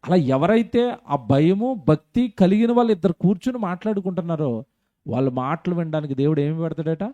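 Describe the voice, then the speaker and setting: A man's voice: on the high side, expressive, fairly quick, warm tone, dry recording, highs cut off. A man preaching a sermon in a conversational way, often asking his congregation questions and acting out quoted voices. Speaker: pastor.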